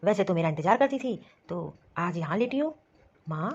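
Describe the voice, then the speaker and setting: A woman voicing a worried son and scolding husband in an animated story, talking quickly and insistently. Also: lowish voice, breathy edge, highs cut off. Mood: concerned, scolding. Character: grown son and worried husband, office worker.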